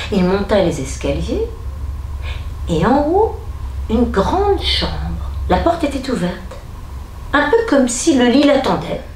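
A woman storyteller telling a fairy tale to children at a library event, slow and dramatic, speaking to the children directly. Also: medium pitch, darkish tone, slight background noise. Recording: echoey room with faint ambience.

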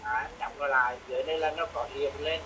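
A man, a music teacher, walking a student through notation software step by step, repeating each instruction patiently. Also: mid-range voice, steady tone, quick pace, slight background noise, low-quality recording. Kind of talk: remote software lesson.

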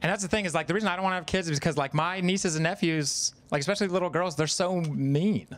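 Brief: stand-up comic in his thirties, slightly high voice, chatty and self-mocking. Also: quick pace. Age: 30s. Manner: chatty, self-deprecating, acts out quoted voices. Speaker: stand-up comedian. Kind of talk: stand-up comedy set. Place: live comedy venue with audience.

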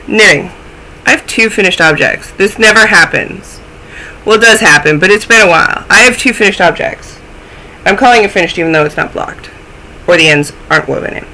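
In a casual webcam chat, a young woman hosts her knitting podcast from a small room at home, her stuffy, snuffly voice punctuated by self-deprecating asides. Her pitch is on the low side and her tone is bright and forceful. A little hiss or hum can be heard on the rough recording.

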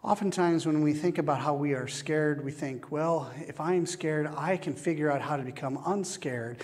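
A man preaching a sermon as pastor, slow and measured with long pauses, recorded in a church. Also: on the high side, darkish tone. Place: church sanctuary. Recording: long church hall reverb.

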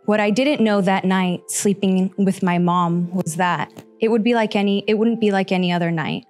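A Costa Rican woman in her 30s tells a personal story from a small stage to a seated audience, holding a handheld mic while faint music plays underneath. Her mid-range voice is steady and somewhat dark. She speaks slowly and earnestly, with heartfelt pauses.

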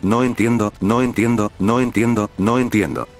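A man voicing a distraught, anxious young woman in a story reading, delivered in a flat, even way. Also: fairly low pitch, moderate pace, faint music behind, close to an everyday voice. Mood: furious.

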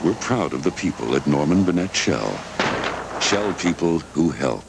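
A man's voice: very deep voice, animated, measured pace, gravelly, heavy background noise. A man narrating a commercial as a dramatic scripted story.

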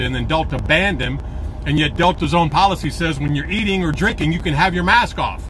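A man in his forties, a truck driver, talking casually to camera from his cab at night, animated and repeating himself as he goes. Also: a little high, a little hiss or hum, poor audio. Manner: animated, rambling, repeats phrases, gestures a lot.

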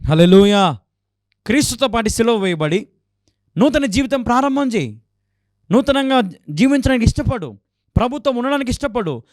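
A man's voice: extremely high pitch, big pitch swings, a little fast, long pauses, no echo, clean studio sound. A man preaching a sermon as a pastor, exhorting his listeners with repeated rhetorical questions.

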